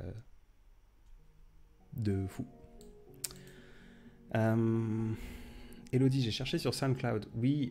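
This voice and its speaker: A man's voice: on the low side, mellow. A man hosting a casual late-night live stream, chatting in a rambling way with many fillers and restarts.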